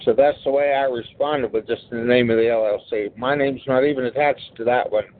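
A man's voice: mid-range voice, steady tone, brisk. A man from West Virginia calling into a show, heard over a phone speaker, talking in a plain, informal, matter-of-fact way. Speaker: caller. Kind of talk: casual call-in chat. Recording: tinny speakerphone line.

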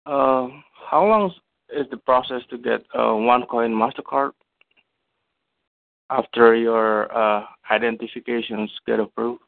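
A man calling in over the phone to ask a question on a conference call. He speaks hesitantly, with filler pauses. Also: mid-range voice, gravelly, dry recording. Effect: heard over a phone line. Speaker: caller. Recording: tinny phone line, dry.

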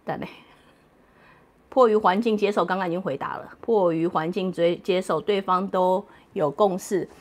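A chatty woman hosting a relaxed late-night question-and-answer stream from home. She talks playfully, laughs often and slips English words in. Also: on the low side, normal speed. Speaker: livestream host answering viewer questions. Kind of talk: casual late-night livestream Q&A.

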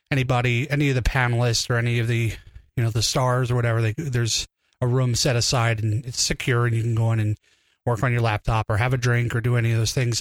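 Guy on a podcast rambling thru a story, mid-pitch, dry close mic, kinda choked up, laughs at himself. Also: dry recording. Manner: rambling, self-deprecating, emotional. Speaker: podcast co-host. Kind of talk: casual storytelling.

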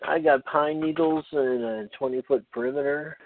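A man rambling through a humorous casual chat, wry and halting, often cutting himself off mid-thought. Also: fairly high pitch, steady tone, phone-quality sound. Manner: halting, self-interrupting, wry.

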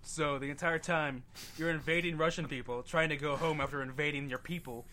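Bright, excitable young man. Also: fairly high pitch, fairly quick. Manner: excitable, jokey, laughs a lot. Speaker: podcast host. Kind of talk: casual gaming chat.

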